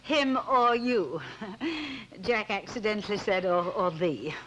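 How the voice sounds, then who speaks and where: An actress playing a prim, officious British wife in a 1960s TV soap, formal, over-polite and pompous. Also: female voice, mid-range voice, expressive, takes it slowly, a bit bright. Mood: fussy, ingratiating. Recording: noisy 1960s TV soundtrack, clicks.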